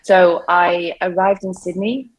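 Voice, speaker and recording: A woman's voice: on the low side, steady tone, takes it slowly, low-quality recording. A woman from the north of England, a yoga instructor talking candidly and chattily as a podcast guest. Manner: candid, chatty, self-deprecating. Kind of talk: casual interview chat.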